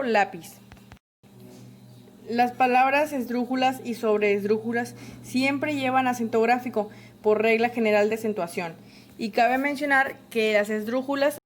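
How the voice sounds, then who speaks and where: A woman reads a spelling lesson aloud, moving through rules and example words in a steady, list-like way. Her voice sits a little high. A faint room hum stays behind her. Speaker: teacher.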